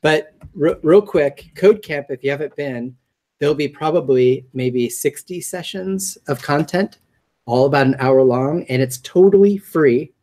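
A man with a high, nasal voice, hosting a meetup in a chatty, joking way with many ums and restarts. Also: measured pace, darkish tone. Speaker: meetup host. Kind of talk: casual talk to a group.

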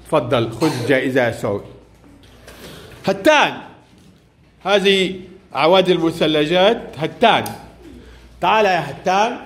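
Male teacher, high and animated voice, short prompts and praise for young pupils in a classroom reading lesson. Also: unhurried, pauses often. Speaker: primary school teacher.

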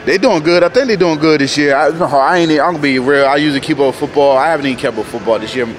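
A man from North Carolina, a truck driver casually vlogging to viewers in an animated, folksy way. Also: fairly high pitch, very fast, faint music behind. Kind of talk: casual vlog talk to viewers. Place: truck stop, indoors and outdoors in the lot.

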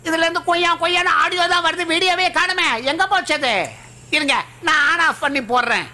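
A woman's voice: very high voice, steady tone, brisk. A woman dubbing a chatty young woman in a film, talking in a teasing, fussing way over a film score.

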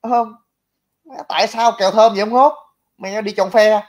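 Blunt high-voiced man. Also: fairly even intonation, normal speed, a little mellow. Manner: blunt, mocking, talks to viewers directly. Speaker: livestream commentator. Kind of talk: casual political commentary.

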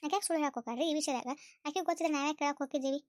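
A woman's voice: high voice, racing, a little mellow, close to an everyday voice. A woman voicing a nosy, gossipy middle-aged village neighbour. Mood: prying. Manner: prying, gossipy questioning.

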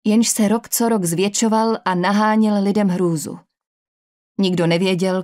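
A woman with a Czech accent reading a first-person novel aloud as an audiobook narrator, in an even, measured storytelling manner. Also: fairly low pitch.

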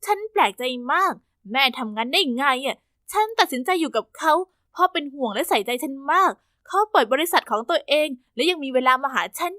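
A woman narrates a first-person animated story with a high, bright voice. Her telling is lively and expressive. The recording is close and dry. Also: a little fast, hardly any pauses, no echo.

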